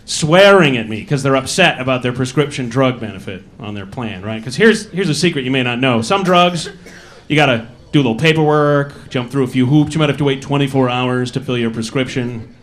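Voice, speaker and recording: A man with an Upper Midwest American accent doing a stand-up routine on a comedy club stage, telling dry, wry stories with quick asides. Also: mid-range voice.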